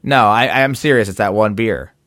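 A man's voice: on the low side, moderate pace, a bit bright, dry recording, clean studio sound. A man co-hosting a podcast, chatting casually in a joking, rambling way and often restarting his sentences. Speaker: podcast co-host.

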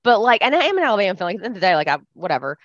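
A woman co-hosting a casual chat, animated and chatty. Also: medium pitch, very fast, no echo. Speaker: podcast co-host. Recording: dull lo-fi sound.

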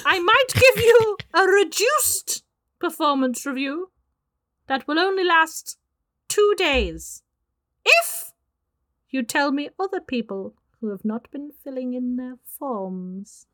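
A woman voicing a bossy, form-obsessed HR manager in a high, shrill, scolding voice for a tabletop game. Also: animated, slow pace, fairly bright tone, heavily acted. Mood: impatient. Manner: prim and scolding, with sudden high squeaks.

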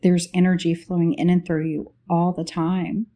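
A woman hosts a guided spiritual meditation in a low, mellow voice with a flat delivery. Her phrases are brief and leisurely, broken up by long pauses.

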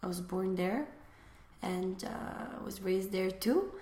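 Speaking slowly in a mid-range voice, a young woman from Lithuania talks about her small business as a relaxed, chatty interview guest. She uses lots of fillers, and the recording has an echoey room sound.

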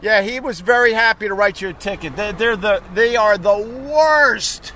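A man's voice: sits high, moderate pace, pushed and bright. An American man hosting a casual livestream from his car, brash and exclamatory as he chats. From United States. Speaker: podcast host. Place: inside a parked car on a city street. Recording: faint street and traffic noise.

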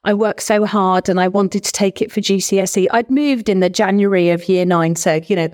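Fairly quick and a little mellow, her medium-pitched, steady voice carries through a casual interview. She is an English woman in her forties, once a language teacher, who chats with enthusiasm and frequent laughter as the guest.

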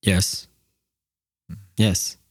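A man's voice: drawn-out words, no echo, clean studio sound. A man co-hosting a podcast, talking in a candid, profane, rambling way. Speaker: podcast co-host. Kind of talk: casual chat.

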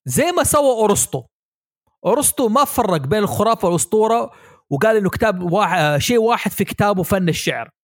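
A man hosting a podcast, explaining ideas in a lively way and asking his guests for their views. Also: sits high, fast talker, no room sound, studio quality. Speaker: podcast host. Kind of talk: casual podcast discussion.

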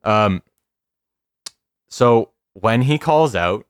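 Deep, smooth-voiced man telling a story. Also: animated, no echo, clean studio sound. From Canada. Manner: laughing, swearing storyteller, slows down for suspense. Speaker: podcast host. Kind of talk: casual storytelling chat.

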